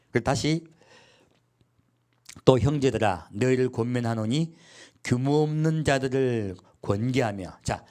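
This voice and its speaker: A man preaching a sermon as pastor, asking his congregation questions and answering them himself. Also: mid-range voice. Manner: lively preaching with call-and-response questions and acted quotes.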